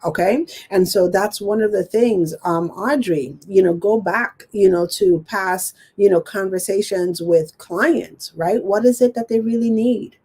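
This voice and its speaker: Woman business coach, live stream chat, husky voice, lots of fillers, encouraging. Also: medium pitch, a little slow, hardly any pauses, mellow. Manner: chatty, many "okay" and "you know" fillers, answers viewer questions.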